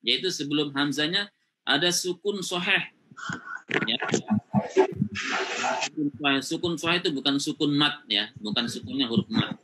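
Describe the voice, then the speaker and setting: A man's voice: fairly high pitch, normal speed, pauses often, heavy background noise. A man teaching Quran recitation rules in an online class, explaining step by step with frequent "ya" and "gitu ya" checks.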